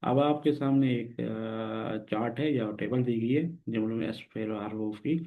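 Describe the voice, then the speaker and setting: A man from Pakistan teaching a recorded grammar lesson, explaining step by step and repeating words slowly and patiently. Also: lowish voice. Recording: tinny phone-like audio.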